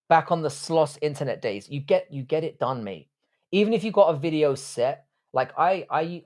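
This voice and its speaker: A man in his thirties with a London accent, hosting a live stream and answering viewer comments in a blunt, profane, joking way. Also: mid-range voice. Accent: London English. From Ireland, raised in southwest London. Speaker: livestream host.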